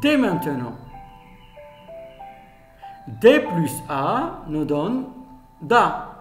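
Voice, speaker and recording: A man teaching a children's reading lesson, saying each word slowly and repeating it. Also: high voice, very animated, roomy sound, faint music behind. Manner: slow, repeats each word to be read aloud.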